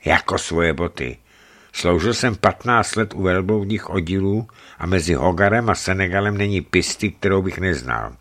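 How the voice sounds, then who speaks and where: A man voicing a shrewd, gruff middle-aged ex-legionnaire trucker who talks bluntly and matter-of-factly. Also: low-pitched, fairly bright tone. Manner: blunt, matter-of-fact bargaining.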